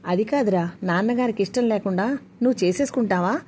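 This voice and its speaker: A woman's voice: medium pitch, fast, darkish tone, slight background noise, natural voice. A woman voicing a tearful middle-aged mother who pleads and falters as she speaks in a spoken story. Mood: pleading.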